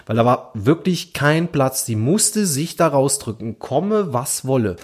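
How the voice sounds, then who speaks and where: A man's voice: mid-range voice, unhurried, breathy edge. Man telling a casual anecdote. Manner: lively anecdotal, with many fillers and acted dialogue. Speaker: podcast co-host telling anecdotes. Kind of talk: casual storytelling.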